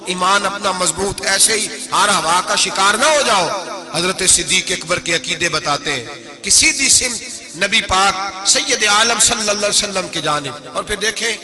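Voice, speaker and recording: A high-pitched man delivers a sermon, telling the story dramatically in a chanted, sing-song style broken by sudden loud outbursts.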